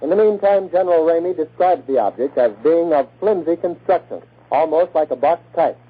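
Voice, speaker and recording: A man gives a steady, formal news report in 1940s radio style. The sound comes from a scratchy old archival broadcast, as narrow as a phone line. His voice is husky and sits slightly high. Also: brisk.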